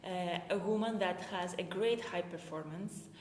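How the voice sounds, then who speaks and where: Unhurried and fairly low-pitched, a Greek woman from Greece coaches performance for a live-stream audience in English with a Greek accent. She falters with many filler sounds, against slight background noise and the long reverb of an echoey space.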